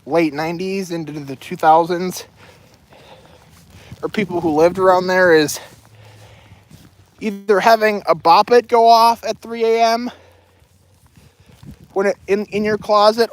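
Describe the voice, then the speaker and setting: Pausing often and never hurrying, this young woman talks in a voice on the low side. She's on a walking livestream outdoors, backpack loaded, chatting loosely to viewers as she hops from one subject to the next.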